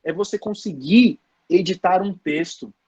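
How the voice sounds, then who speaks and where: A man's voice: high voice, unhurried, warm tone, slightly rough, lo-fi sound. A man giving a casual online lecture to his students, repeating points for emphasis, with many restarts. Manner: frequent restarts and filler "é". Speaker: professor.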